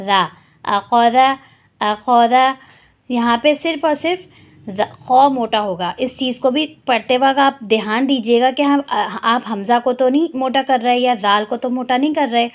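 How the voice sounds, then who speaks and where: A woman teaching Quran reading, patiently spelling out syllables slowly and explaining each letter. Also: sits high. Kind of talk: slow spelled-out recitation lesson.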